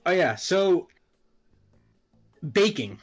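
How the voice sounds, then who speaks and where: Self-mocking guy, a bit high-pitched. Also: big pitch swings, drawn-out words, soft background music. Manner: swears freely, self-mocking. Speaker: podcast co-host. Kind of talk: casual chat.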